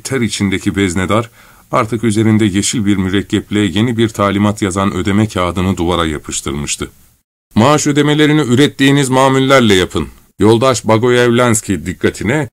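A man narrating a literary short story in a measured, even storytelling manner. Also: lowish voice, no echo. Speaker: audiobook narrator.

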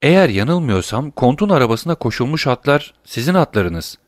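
Heyecanlı genç bir beyefendi; bir erkek okuyucu canlandırıyor, kuru kayıt. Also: male voice, medium pitch, big pitch swings, moderate pace, no room sound, clean studio sound, pitched above the performer's own voice, natural voice. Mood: excited. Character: young gentleman courtier, man.

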